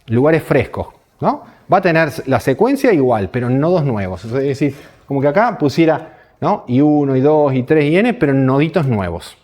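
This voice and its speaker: A man's voice: mid-range voice, very animated, moderate pace, hardly any pauses, a little mellow. A man with a Rioplatense Spanish accent giving a university programming lecture, explaining step by step and asking the class rhetorical questions. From Uruguay. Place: lecture hall.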